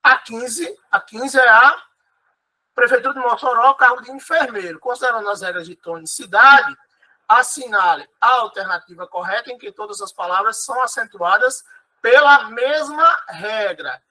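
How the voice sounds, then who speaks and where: A man's voice: very high-pitched, normal speed, pushed and bright, low-quality recording. A Brazilian man teaching an online exam-prep lesson. He explains patiently, repeats key words and keeps checking in with his students.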